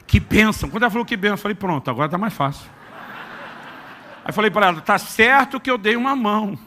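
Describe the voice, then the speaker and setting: A middle-aged man preaching a sermon, telling a family story with acted-out dialogue and shifts to a soft, intimate tone. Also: sits high, fast, a little hiss or hum. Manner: animated storyteller acting out dialogue, dropping to soft intimate tones. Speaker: pastor.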